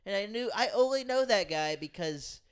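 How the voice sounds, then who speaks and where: A man's voice: sits high, expressive, normal speed, clean tone. A man co-hosting a podcast, chatting casually in a wry, profane, jokey way. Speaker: podcast co-host. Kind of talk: casual chat.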